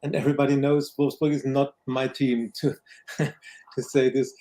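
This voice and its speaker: A man from Germany with a German accent, a guest pundit talking casually and haltingly about football. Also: medium pitch, flat delivery, warm tone.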